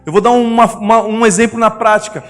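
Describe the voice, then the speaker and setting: High-voiced Brazilian pastor in echoing hall. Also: male voice, fairly even intonation, fast talker, fairly bright tone. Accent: Brazilian Portuguese. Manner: storytelling, acts out family voices. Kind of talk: sermon. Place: church hall. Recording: long reverb of a church hall with music.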